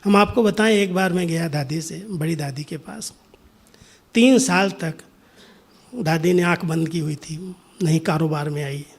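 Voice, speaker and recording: Husky high-voiced man telling a spiritual story. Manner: unhurried, drops to a soft near-whisper at moments. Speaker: spiritual speaker.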